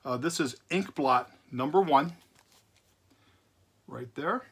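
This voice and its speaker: Male vlog host, loose rambling delivery full of fillers, a touch high-pitched. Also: slow pace, a bit bright, slightly rough. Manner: rambling, repeats words, many fillers. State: recovering from illness. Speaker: comic book channel host. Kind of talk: casual chat to camera.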